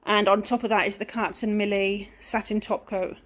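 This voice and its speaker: A woman's voice: medium pitch, level tone, normal speed. Woman, West Country English accent, chatty DIY vlogger, rambles and pokes fun at herself. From England-Wales border, UK. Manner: chatty, rambling, self-deprecating. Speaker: furniture flipper. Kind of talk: casual DIY vlog narration.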